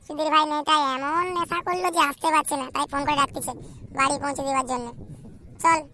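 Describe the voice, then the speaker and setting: A woman's voice: high voice, fairly even intonation, sharp tone, slight background noise. A woman voicing a whiny, crude young unmarried man in a cartoon, chattering and complaining. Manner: fast complaining chatter, full of swearing. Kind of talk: cartoon voice acting.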